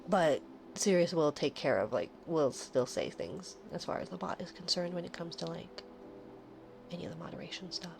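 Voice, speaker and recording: Hosting a relaxed late-night livestream, a woman with a nasal, rather low voice keeps a normal pace, alternating chatty remarks with soft, breathy whispering. The mic sits close and sounds a bit hissy.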